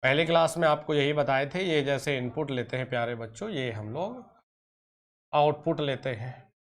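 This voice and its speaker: A man teaching an online exam-prep lecture, fond and teacherly, stretching out key terms, sometimes scolding his students. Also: medium pitch. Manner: teacherly, addresses students as "beta" and "pyare bachche", scolds and coaxes; drawn-out slow emphasis on key terms.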